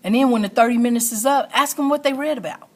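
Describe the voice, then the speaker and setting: A woman's voice: a little high, fast talker. A middle-aged or older woman hosting an online motivational talk like a teacher, speaking emphatically and repeating key phrases for stress. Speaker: teacher and online show host.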